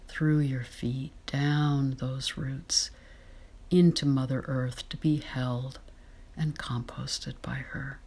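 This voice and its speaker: A woman guides a meditation in a soft, breathy whisper. Her voice sits very low and drifts along at an unhurried pace. The tone is husky and airy, calm and soothing throughout.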